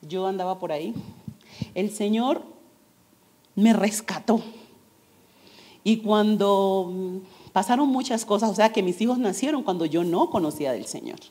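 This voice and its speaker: A woman's voice: medium pitch, animated, unhurried, long pauses, dark tone. A woman in her forties giving a testimony sermon to her congregation, earnest and direct, asking rhetorical questions.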